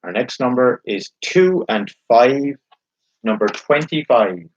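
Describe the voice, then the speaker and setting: A man's voice: medium pitch, lively intonation. Male bingo caller, dull lo-fi sound. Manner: measured, repeats each number clearly in a set formula. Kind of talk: bingo calling, announcing numbers digit by digit with traditional nicknames.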